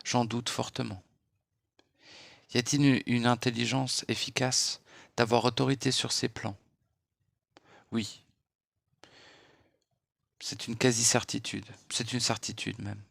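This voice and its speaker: A man giving a late-night spiritual monologue in a hushed, unhurried voice, lecturing and posing rhetorical questions. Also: medium pitch, flat delivery, gravelly, dry recording, clean studio sound. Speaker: spiritual speaker.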